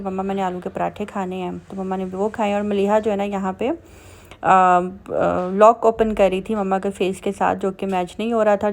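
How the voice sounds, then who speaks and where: A woman's voice: medium pitch, a little mellow. Chatty Pakistani woman vlogging. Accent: Pakistani Urdu. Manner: chatty, filler-heavy storytelling. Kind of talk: casual vlog voice-over narration.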